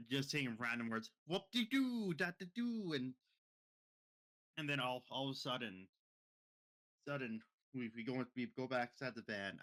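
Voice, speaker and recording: Young male podcast co-host, rambling storyteller, bright and crisp tone. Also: mid-range voice. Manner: rambling, many repeated words and restarts. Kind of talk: casual storytelling.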